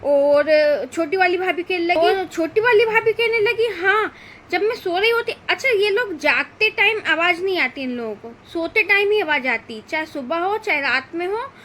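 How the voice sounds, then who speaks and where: A woman's voice: extremely high pitch, expressive, moderate pace, a bit bright. A woman vlogger telling a personal family story in a chatty, emotional way, straight to her viewers. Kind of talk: casual storytelling to camera.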